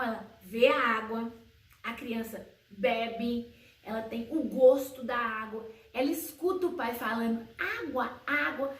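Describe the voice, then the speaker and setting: A woman homeschooling educator explaining to parents, slowly posing questions and answering them herself. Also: fairly bright tone. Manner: sings baby words in a high sing-song voice. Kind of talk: educational video talk to parents. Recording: roomy echo, slightly far from mic.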